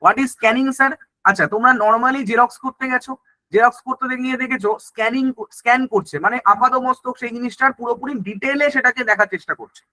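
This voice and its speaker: A man's voice: very high-pitched, fast, sharp tone, dry recording, low-quality recording. A man teaching an exam-prep lesson. He explains in Bengali mixed with English terms and keeps checking that the class is following.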